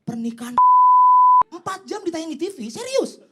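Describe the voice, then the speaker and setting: A young man performing a stand-up comedy set on stage, teasing the crowd and leaping up in pitch for his punchlines. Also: big pitch swings, a little fast, very noisy. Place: comedy stage before a live audience. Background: audience laughter and applause.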